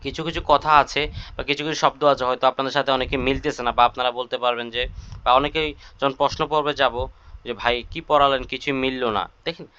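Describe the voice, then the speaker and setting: A man's voice: medium pitch, fairly even intonation, fairly quick, pushed and bright, slight background noise. A man instructor explaining an online class at length, reassuring students with many fillers. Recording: dry, dull lo-fi sound.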